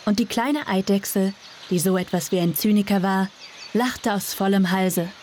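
A woman reading a fairy tale aloud in a calm, measured way. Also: medium pitch, very noisy. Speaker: storyteller.

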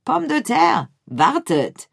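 A woman's voice: mid-range voice, measured pace, darkish tone, slightly rough, dry recording, studio quality, pitched above the performer's own voice. A woman voicing a timid, complaining fat male mouse in a storybook reading. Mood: panicked. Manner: complaining, fearful.

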